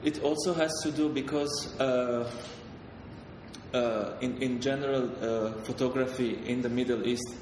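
A man from Syria talks about his work in a halting way, stopping and restarting his sentences often. He sounds far from the mic in a large hall with a long echo. A steady background noise runs beneath his voice. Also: medium pitch. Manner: halting, many fillers and restarts. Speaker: photographer guest. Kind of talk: hesitant conversational talk.

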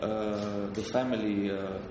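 A man from Syria, a photographer, talking haltingly with many fillers and restarts. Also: fairly low pitch, steady tone. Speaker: photographer guest. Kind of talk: hesitant conversational talk. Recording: echoey hall, distant mic, background noise.

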